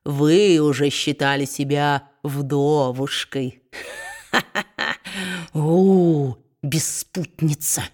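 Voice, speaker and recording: A woman voicing a spiteful, mocking male dwarf who sneers and gloats in a low, gruff growl. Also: steady tone, drawn-out words, a little mellow, exaggerated voice. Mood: sneering.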